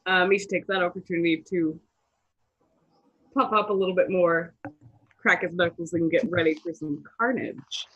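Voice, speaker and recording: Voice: medium pitch, moderate pace, long pauses, a bit bright, husky, no room sound. A tabletop game player narrating a character's actions, on dull, muffled audio.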